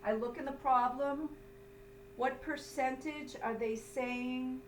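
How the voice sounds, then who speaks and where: With a high, steady voice and a slow delivery, an accounting instructor breaks her lesson into steps, speaking emphatically and didactically and often checking that it's understood. Faint hum, roomy acoustics and a distant mic mark the recording.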